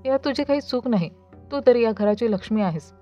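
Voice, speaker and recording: Woman narrator voicing a soothing older woman of the house, mellow, dull lo-fi sound, faint music. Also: fairly high pitch, lively intonation, brisk, lightly acted.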